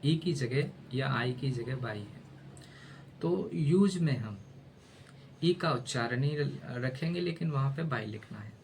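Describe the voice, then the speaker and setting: A man's voice: mid-range voice, lively intonation, slow pace, slight background noise. A male teacher gives a casual spoken lesson, spelling letters aloud and often asking "है ना?".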